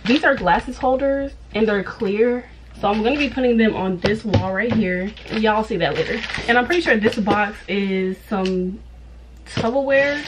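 A woman's voice: mid-range voice, measured pace, background noise. A woman, chatting casually to viewers in a vlog from her college apartment bedroom. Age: 20s. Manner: chatty, addresses viewers as y'all. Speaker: vlogger.

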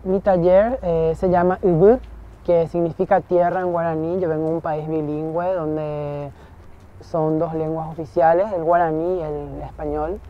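A man's voice: a little high, flat delivery, unhurried. A man from Paraguay explains his art workshop for a documentary, stopping often to gather his thoughts. The recording sounds a little dull and muffled. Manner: explanatory, with frequent fillers. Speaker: workshop artist. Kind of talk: documentary interview.

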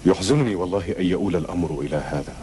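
An actor playing an earnest, devoted Bedouin brother in a historical TV drama, speaking emphatic formal Arabic. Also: male voice, low voice, racing, warm tone, lightly acted. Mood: distressed, earnest. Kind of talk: solemn classical Arabic historical TV drama acting. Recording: old TV soundtrack with background noise.

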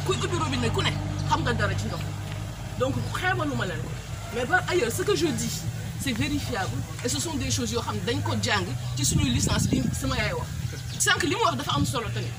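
Recorded from afar by a camera with no microphone, over heavy outdoor noise, a high-pitched middle-aged Senegalese woman speaks to a crowd beneath a tree. As manager of a water company, she defends its work at the community meeting, animatedly mixing Wolof and French and waving papers.

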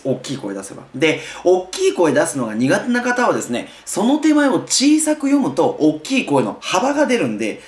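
A man coaching parents on reading aloud, his voice rising and falling freely as he explains. He keeps things casual and conversational, with easy asides. The sound is roomy and echoey. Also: on the high side. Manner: lively, chatty, with casual asides. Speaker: childcare educator.

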